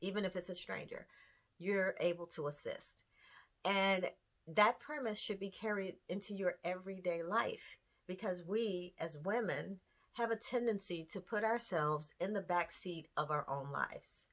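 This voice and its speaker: A woman's voice: low voice, fairly bright tone. A woman in her late fifties hosting a candid talk series, speaking earnestly and conversationally to the camera, with rhetorical questions and emphasis. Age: 50s. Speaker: host.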